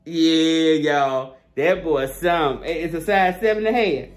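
A man hosts a casual family vlog at home, playfully teasing and cooing at a baby before turning to address viewers directly. His voice is fairly high and measured in pace, with faint music in the background.

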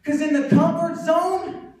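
A man's voice: very high voice, fairly even intonation, unhurried, a little mellow. Young man performing spoken word. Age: young adult. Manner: rhythmic, rhyming delivery with urgent emphasis. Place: large theater stage. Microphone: stand mic, filmed from far back. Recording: echoey hall from far off.

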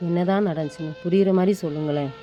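A woman's voice: fairly low pitch, steady tone, fast talker, mellow, highs cut off, faint music behind, close to an everyday voice. An actress playing a practical, anxious mother who scolds her daughters and steadies her husband. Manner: scolding, then steadying and supportive.

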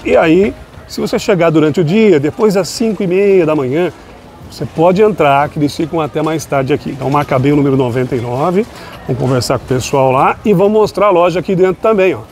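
A man's voice: fairly high pitch, fairly quick, a little mellow, soft background music. A man walking through an outdoor night market, chatting upbeat to viewers while filming on a handheld phone. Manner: upbeat, chatty, keeps addressing viewers as "gente". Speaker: shopping vlogger touring a street market. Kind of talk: walking market vlog with vendor chat. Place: outdoor night street market, busy city street. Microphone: handheld phone camera.

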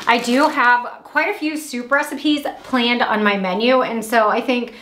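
Woman, thirties, from Indiana, chatty grocery haul vlog, higher voice, roomy echo. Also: steady tone, a bit bright, a little hiss or hum. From Indiana, USA. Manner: chatty and upbeat, quick asides. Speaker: vlogger. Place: small room at home.

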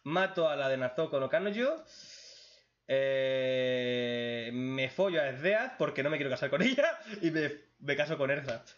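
A man's voice: mid-range voice, expressive, measured pace. Blunt Spanish-man in lo-fi chat. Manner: blunt, crude, joking, reads questions aloud then answers. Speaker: YouTube host answering viewer questions. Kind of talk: casual Q&A chat.

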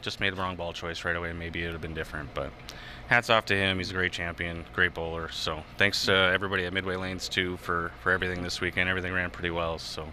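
Deep, bright-toned runner-up bowler. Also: male voice, level tone, fast talker, a little hiss or hum. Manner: good-natured, gracious in defeat. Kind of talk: casual post-match interview.

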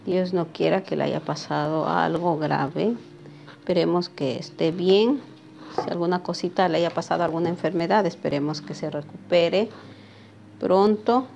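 A woman's voice: on the low side, moderate pace, creaky, darkish tone, slight background noise. Chatty woman teaching pattern cutting. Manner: chatty, talks to viewers by name and asks "¿sí?" often. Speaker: sewing teacher. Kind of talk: live pattern-making lesson. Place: sewing workshop, at a cutting table.

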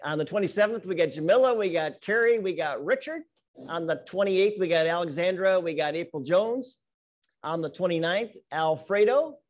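A man's voice: high-pitched, expressive, normal speed. A man leading an office team meeting, reading announcements and birthdays in an upbeat, teasing way with many "right?" asides. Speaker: meeting leader.

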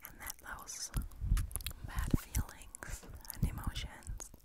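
A woman in her thirties gives a soothing, reassuring pep talk in an ASMR whisper, speaking right up against a handheld recorder in a small room. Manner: soothing, reassuring, slow and deliberate. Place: small carpeted room indoors. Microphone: handheld recorder held right at the lips.

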